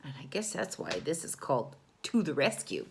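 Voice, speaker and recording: This woman's voice is low and a little mellow, her pitch swooping wildly as she reads a kids' story. She takes a teacherly approach, pausing to question her young listeners and clarify points along the way.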